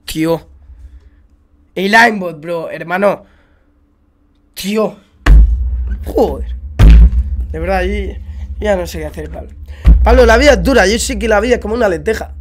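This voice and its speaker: A man's voice: high voice, unhurried, long pauses, music in the background. A man with a Spain Spanish accent giving live gameplay commentary, ranting in exasperation and swearing often. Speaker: gaming streamer.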